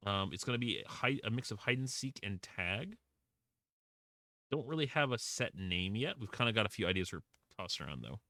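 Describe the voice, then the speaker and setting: At normal speed and very animated, a man with a lowish voice chats with his live-stream viewers during a block-building game, greeting them warmly and cracking self-deprecating jokes. The recording is dry with clean studio sound.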